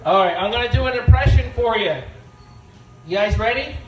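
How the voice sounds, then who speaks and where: A man doing an open-mic stand-up set with a deadpan, offhand delivery on a bar stage. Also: very high voice, a little fast, highs cut off, faint music behind. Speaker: stand-up comedian. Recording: echoey bar room from far off.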